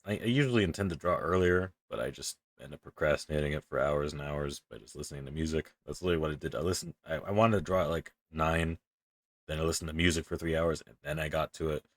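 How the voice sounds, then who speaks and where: Talking fast in a very deep voice, a young man streams his drawing session with loose, self-deprecating chatter and casual cursing. The audio is close and dry, with no echo or room around it.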